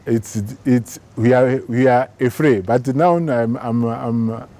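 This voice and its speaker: A man from Côte d'Ivoire, a researcher, speaking haltingly and repeating words as he searches for them. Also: medium pitch, steady tone, mellow.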